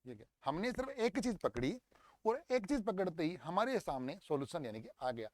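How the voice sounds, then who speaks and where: A young man teaching English grammar in a lively, coaxing way, walking through an exam paper and drilling words aloud. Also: high-pitched, normal speed, no room sound. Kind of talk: exam paper walkthrough lesson.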